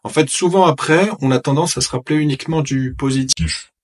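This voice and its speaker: A man hosting a therapeutic interview, gently probing and reflecting back what he has been told. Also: fairly high pitch, fairly quick. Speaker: host counselling a guest.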